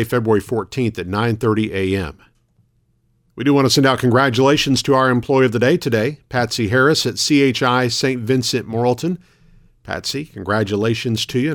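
A man hosting a local radio morning show, reading news announcements in a measured, orderly way from a studio. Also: mid-range voice. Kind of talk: radio news announcing of weather, closings and notices.

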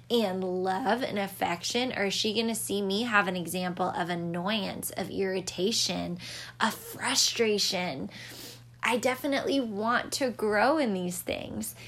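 A young woman, a mother, giving a devotional talk in an earnest, reflective way with touches of light humor. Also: mid-range voice.

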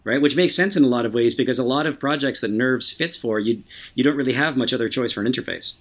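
A man in a relaxed conversation, often circling back with "you know" and repeated starts before landing his point. His voice sits at an ordinary middle pitch. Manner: halting, many restarts and fillers. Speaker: podcast guest, software developer. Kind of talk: casual conversation.

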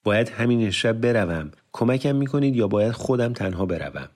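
A man's voice: mid-range voice, expressive, darkish tone, pitched above the performer's own voice, lightly acted. A man voicing an earnest young fugitive in an audiobook, asking urgent, pleading questions. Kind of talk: audiobook character voice.

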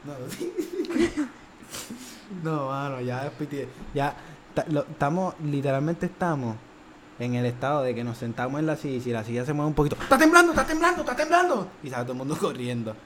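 A man's voice: mid-range voice, a little fast, darkish tone, a little hiss or hum. Joking young Puerto Rican man. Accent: Puerto Rican Spanish. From Puerto Rico. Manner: joking, playful, chimes in often. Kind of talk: casual chat.

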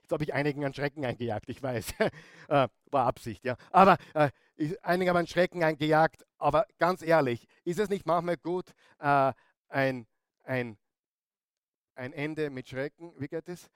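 A male pastor preaches a rousing sermon, firing questions at his listeners and holding dramatic pauses. His voice sits slightly high for a man. The sound is close and dry, with no room echo.

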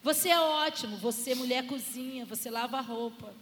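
A woman co-leading a church marriage talk, telling lively stories and laughing as she preaches. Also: high voice, a little fast, soft background music. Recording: echoey hall with long reverb and faint noise.

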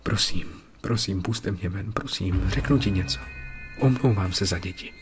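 A man's voice: on the low side, expressive, over music. A man voicing a panicked, pleading prisoner. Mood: begging. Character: terrified male prisoner locked in dark.

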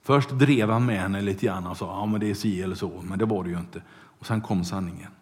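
A man preaches a sermon in a room with long hall reverb. His voice sits fairly low. He tells the story vividly and moves between loud bursts and hushed near-whispers. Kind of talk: sermon retelling a Bible story.

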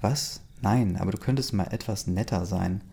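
A man reading the lines of a persistent, easily offended teenage boy in a low, mellow voice. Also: moderate pace, vocal fry, breathy edge.

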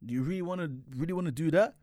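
A man's voice: fairly high pitch, racing, a little mellow, no echo, clean studio sound. A young man with an urban London roadman accent chatting casually about sport as a podcast co-host, ranting in slang and repeating himself in exasperation.

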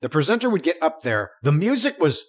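Male podcast co-host, casual storyteller, swooping and expressive intonation, chatty and loose. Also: on the high side, fairly quick. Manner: animated storytelling with frequent restarts. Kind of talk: casual chat.

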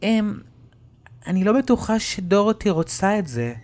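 A man's voice: high voice, big pitch swings, voice pushed up. Man putting on a timid little girl. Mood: hushed. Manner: soft, hesitant, stammering. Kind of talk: horror story narration.

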